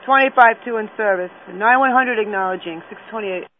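A man's voice: sits high, fairly quick. A man working as an emergency dispatcher, giving clipped, formal fire radio announcements and repeating each call. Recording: tinny, static-laden two-way radio.

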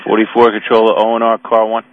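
A man's voice: fairly low pitch, completely flat delivery, a little fast. A man dispatching fire units over two-way radio in a formal, procedural way, repeating messages back. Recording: tinny, narrow radio channel with hiss.

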